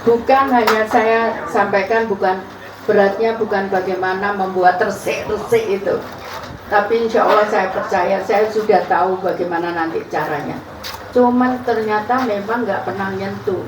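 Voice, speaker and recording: A woman's voice: medium pitch, steady tone, moderate pace. East Javanese woman giving chatty campaign talk. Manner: chatty storytelling with frequent laughs. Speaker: political candidate. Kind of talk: informal campaign speech. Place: community event space. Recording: echoey, distant, noisy room.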